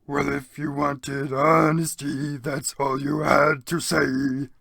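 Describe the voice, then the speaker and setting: A man voicing a melodramatic, angry, brooding goth wizard in a gravelly, husky, strained, declaiming voice. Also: a little high, level tone, slow pace, sharp tone, no room sound, clean studio sound, exaggerated voice. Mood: indignant.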